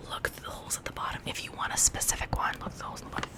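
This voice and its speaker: An ASMR creator whispers in a breathy, unvoiced voice, rambling through an informal chat at a rapid-fire pace. She gushes softly over cute things.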